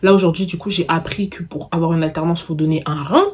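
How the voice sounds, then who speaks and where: Low-pitched and fairly even, her slightly rough voice moves fast as this early-twenties vlogger answers viewer questions. She's from the Paris suburbs, of Congolese descent, and speaks slangy suburban French with a playful, casual air, dropping in English catchphrases.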